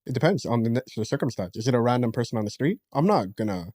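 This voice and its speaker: A man's voice: mid-range voice, expressive, fast, darkish tone, dry recording, clean studio sound. A man co-hosting a podcast in casual chat, slangy and easygoing, dropping "yo" and "fam" as he argues his side. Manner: slangy, peppers talk with "yo" and "fam". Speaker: podcast co-host.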